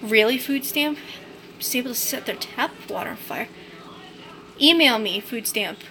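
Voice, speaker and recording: A woman's voice: on the high side, animated, moderate pace, background noise. Rambling, chatty young woman streaming live. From New England. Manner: rambling, chatty, with many fillers and swearing outbursts. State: tired. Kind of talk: casual live-stream chat.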